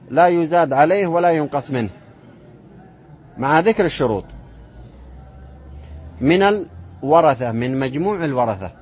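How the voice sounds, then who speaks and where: A man teaching an Islamic inheritance lesson to students, reciting verse lines slowly and then explaining them and quizzing the class. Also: a little high. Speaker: sheikh teaching inheritance law. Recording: dull lo-fi classroom recording.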